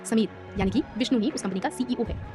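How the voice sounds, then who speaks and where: A curt young woman doctor in a story, dry and short with people, as a woman narrator reads her. Delivered very fast over faint music. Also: a little high, mellow, close to an everyday voice.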